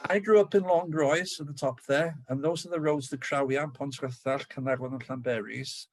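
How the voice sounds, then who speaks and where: A man's voice: a little high, normal speed, dry recording. A middle-aged man from North Wales with a Welsh accent, giving an anecdotal local history talk and acting out the dialogue. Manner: lively storyteller who acts out dialogue.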